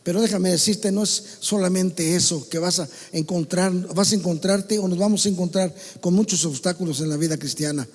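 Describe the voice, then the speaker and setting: A man with a Mexican Spanish accent preaching a sermon to his congregation, swinging between loud calls and soft asides. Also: sits high, fairly quick, hardly any pauses, big-room sound. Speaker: pastor. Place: church hall.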